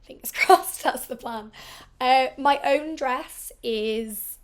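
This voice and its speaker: A woman in her thirties with a croaky, hoarse voice, chatting through a casual catch-up vlog about her sewing plans. She talks in a rambling, upbeat way with plenty of ums and asides, her pitch sitting a touch high. It is recorded at home on a small mic. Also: slow pace. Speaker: sewing vlogger. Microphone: small mic at the bottom of the frame.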